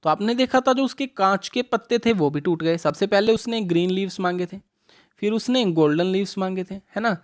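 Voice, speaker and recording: In a medium-pitched voice, a female teacher reviews English with schoolkids, blending Hindi and English as she goes. She slowly reads the English lines aloud and asks questions only to answer them herself.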